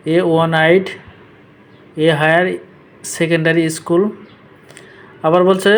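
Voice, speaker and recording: A man explaining English grammar in a slow, deliberate lesson, stressing key points by repeating them. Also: a little high.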